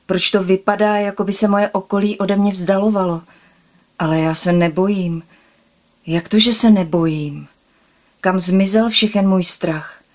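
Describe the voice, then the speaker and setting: A woman narrates an audiobook in first person. Her voice sits low and stays flat and even, with a slow, calm delivery. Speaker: audiobook reader.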